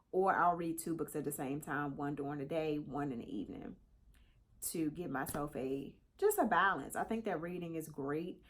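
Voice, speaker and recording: A middle-aged woman vlogging casually to her viewers, chatty and animated, slightly congested, calling them y'all. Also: deep voice. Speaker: crochet vlogger. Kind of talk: casual chat to camera.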